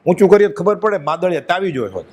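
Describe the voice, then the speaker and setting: A man's voice: sits high, sing-song, quick pace. A man giving a devotional discourse, speaking emphatically and asking many rhetorical questions. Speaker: religious speaker.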